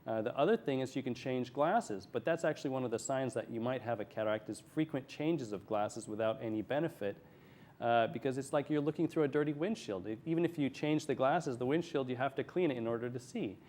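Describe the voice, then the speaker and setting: A man's voice: mid-range voice, fairly quick, darkish tone, slight background noise. A man speaking as a medical expert in a TV interview, explaining things plainly and step by step. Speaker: eye surgeon, interview guest. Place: TV studio.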